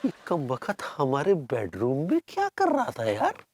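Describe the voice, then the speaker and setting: A blustering, short-tempered husband. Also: male voice, a little high, wildly swooping pitch, normal speed, background noise. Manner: blustering, shouting, stammering. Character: short-tempered middle-aged jealous husband.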